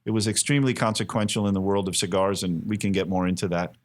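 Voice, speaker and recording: This deep-voiced American man in his fifties, from Miami, is the president of a cigar company appearing as an interview guest. He talks fast with fairly even intonation, telling stories conversationally in an earnest, emphatic way.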